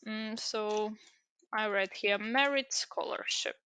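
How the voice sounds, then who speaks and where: Recorded from her screen, a young tutorial presenter who is a native Ukrainian speaker walks through an online application step by step. She hesitates frequently and leans on lots of fillers. Her mid-range voice is slow-paced, bright and forceful, with a clean tone.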